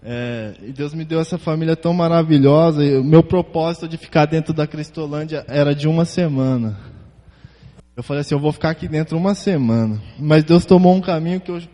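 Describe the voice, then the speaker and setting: A man's voice: a little high, dark tone, in a large hall. Emotional Brazilian man giving church testimony. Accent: Brazilian Portuguese. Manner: emotional, halting, repeats words.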